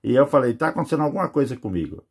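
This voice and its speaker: A man's voice: mid-range voice, animated, rapid-fire, breathy edge. A Brazilian man recounting a personal experience, rambling with many fillers. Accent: Brazilian Portuguese. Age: adult with children. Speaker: near-death experience witness. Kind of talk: personal testimony.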